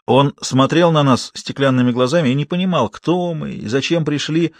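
Calm male audiobook narrator. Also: on the high side, normal speed, no room sound. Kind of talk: scripted first-person narration.

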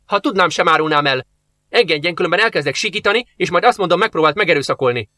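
A woman's voice: fairly low pitch, lively intonation, dry recording, clean studio sound, pitched above the performer's own voice. A man reading aloud, voicing a scared but defiant young woman who snaps her answers. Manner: sharp, hissing retorts.

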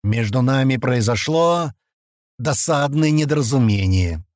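A man voicing a large imperial guard chief who hides hatred behind slow, forced courtesy, in an audiobook. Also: medium pitch, animated, darkish tone, no echo, studio quality, lightly acted. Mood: stiffly polite.

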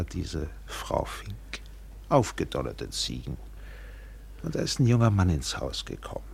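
A male performer gives a heavily acted, deep, gravelly and husky voice to a weathered steamship captain recounting a colonial tale in a German radio play. Blunt and agitated, he mixes expressive, measured literary narration with acted dialogue.

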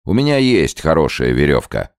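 A man doing a hoarse, fierce hunter. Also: a bass voice, very animated, normal speed, no echo, studio quality, voice pushed up, exaggerated voice. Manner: shouting and threatening. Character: fierce male hunter, hot-tempered.

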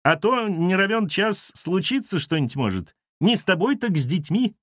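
A man's voice: sits high, big pitch swings, normal speed, a bit bright, no echo, clean studio sound, voice pushed up, heavily acted. A man voicing a widow who coos endearments while making veiled threats. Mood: menacing coo. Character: sweetly menacing widow, coaxing and threatening.

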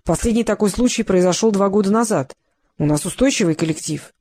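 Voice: mid-range voice, fairly quick, darkish tone, no echo, studio quality, lightly acted. A reader voicing a guarded, cool younger man who answers curtly. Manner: curt and guarded.

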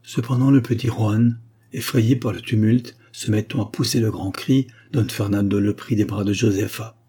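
A man reads a classic tale aloud in measured, expressive audiobook narration. His voice is low, dark and husky.

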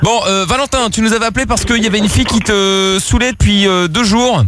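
A man hosting a late-night call-in radio show, teasing and mocking his callers in rapid-fire banter. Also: high voice, background noise. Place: radio studio.

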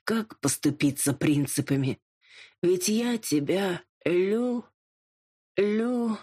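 Narrator doing a gruff dragon lord, proud, slow draggy lines, a bit husky, audiobook. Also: medium pitch, lively intonation, a little mellow, voice pushed up. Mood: moaning. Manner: drawn-out and pleading when drunk, curt when sober. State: drunk and drowsy. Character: arrogant male dragon lord, a gruff millionaire.

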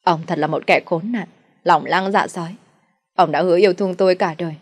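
A woman's voice: on the low side, fast, lightly acted. Woman voicing a spiteful cursing stepmother. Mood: wailing curses. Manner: scolding, cursing, wailing to the village. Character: shrewish middle-aged stepmother, loud and spiteful.

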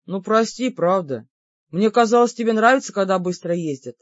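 A woman's voice: medium pitch, animated, moderate pace, no room sound, lo-fi sound, natural voice. A woman voicing a naive, apologetic young man who keeps begging his sister's forgiveness, in an audiobook. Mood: pleading, apologetic. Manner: pleading, sheepish.

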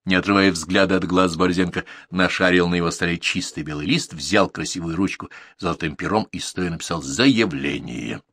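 Husky, low-voiced male audiobook reader. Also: fairly even intonation, brisk, few pauses, fairly bright tone, no room sound, studio quality. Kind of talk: scripted narration.

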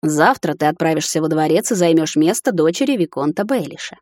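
A woman voicing a cold, imperious middle-aged high witch who speaks calmly and sternly. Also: fairly quick, no room sound, studio quality. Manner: calm, stern, commanding.

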